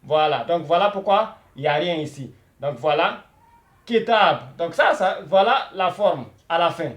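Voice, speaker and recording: A man's voice: fairly high pitch, expressive, moderate pace, echoey room. A man teaching a beginner Arabic lesson, patient, repeating each word many times and checking in with listeners.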